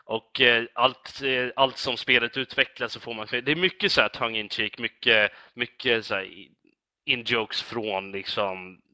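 Bright rambling male podcast guest. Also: mid-range voice, fairly even intonation, dry recording. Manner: rambling, many fillers and restarts. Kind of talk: casual chat.

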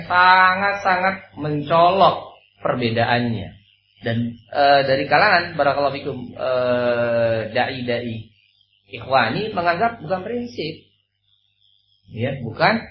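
Animated preacher man, lo-fi echoey room. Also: a little high, a little hiss or hum. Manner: animated, acts out quoted dialogue, repeats a blessing phrase as filler. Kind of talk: Islamic study sermon.

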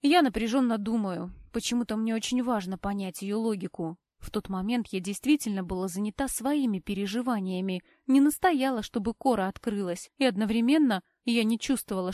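A young woman narrating an audiobook in the first person, with a measured, expressive delivery. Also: mid-range voice, no echo.

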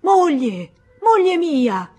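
A woman voicing a jovial middle-aged country doctor and husband, chatty and loud when he calls out. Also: mid-range voice, expressive, moderate pace, husky, soft background music. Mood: calling. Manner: chatty, calling out loudly.

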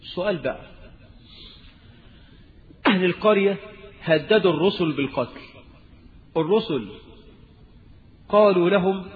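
A fairly high-voiced man with an Egyptian Arabic accent preaching a sermon, throwing out rhetorical questions and bursting into emphatic peaks. His voice comes through a narrow, phone-like channel with a long hall echo and a faint background hiss. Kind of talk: recorded Islamic lecture.

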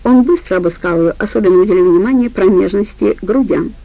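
A woman narrating a crime novel audiobook in a steady, measured way. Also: medium pitch, no room sound, dull audio. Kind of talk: scripted narration.

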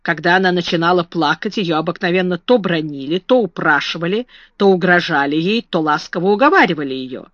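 A woman reads a story aloud with expressive storytelling. The recording is dry with a slightly dull, muffled tone. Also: on the low side, fairly quick, no echo. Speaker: audiobook narrator. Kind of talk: scripted narration.

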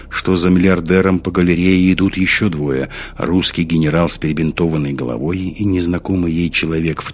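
A man reading an audiobook in scripted narration, measured and even. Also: low-pitched.

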